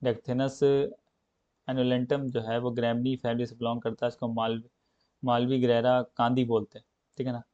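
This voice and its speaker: A man with a mid-range, monotone, slightly mellow voice gives an unhurried agriculture exam coaching lecture, stumbling and restarting on long scientific plant names. He repeats key terms and checks in with "theek hai na" after each point. The dry recording sounds dull, muffled, and lo-fi.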